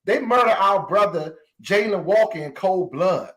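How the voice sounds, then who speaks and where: Impassioned male podcast host, slightly high voice. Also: lively intonation, normal speed, fairly bright tone. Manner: emotional, preaching to listeners, repeats phrases. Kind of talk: impassioned commentary.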